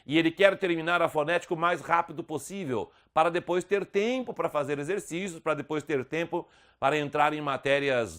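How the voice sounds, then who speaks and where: A Brazilian man teaching an online lesson, slowly spelling out speech sounds with careful, exaggerated articulation. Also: a little high. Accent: Brazilian Portuguese. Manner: slow, over-articulated demonstration of sounds. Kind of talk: video lesson promoting a course.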